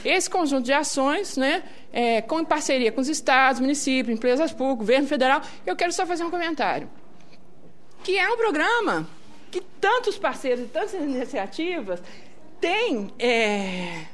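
A woman's voice: high voice, big pitch swings, normal speed, a bit bright, a little hiss or hum. A woman with a Brazilian Portuguese accent giving a public presentation in a conversational manner, often adding little tag questions. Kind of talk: public talk with slides.

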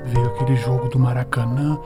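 A man's voice: medium pitch, level tone, fairly quick, music in the background, lightly acted. Man acting an ailing, grumbling old father. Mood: weary, grumbling. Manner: grumbling, coughing. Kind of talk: radio drama acting.

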